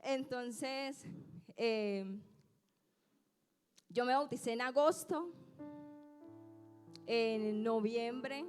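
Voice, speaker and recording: A woman shares a church testimony in a fairly high voice, telling it chattily with many restarts. Her delivery grows into fervent, emphatic preaching. Instrumental music plays clearly behind her. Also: drawn-out words, long pauses, darkish tone. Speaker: church sister giving testimony. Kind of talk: personal testimony building into preaching.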